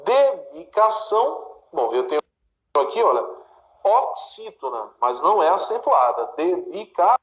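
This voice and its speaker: Male teacher, slightly high voice, poses a question then answers it, recorded in a roomy space. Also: big pitch swings, normal speed, sharp tone. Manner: asks and answers his own questions, checks in with the listener. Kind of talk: recorded exam-prep lesson. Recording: echoey room.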